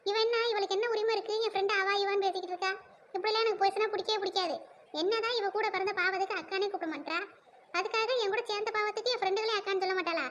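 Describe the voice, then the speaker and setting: A woman's voice: very high voice, steady tone, rapid-fire, a bit bright. A woman voicing a haughty, quarrelsome teenage older sister in a cartoon. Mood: bickering. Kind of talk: cartoon voice acting.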